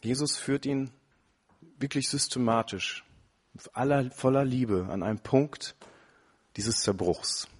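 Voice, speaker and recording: A middle-aged man gives a sermon with a slightly husky voice. He speaks earnestly and slips into the voices of the people he quotes. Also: medium pitch, takes it slowly, long pauses. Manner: earnest, acts out quoted dialogue. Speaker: preacher.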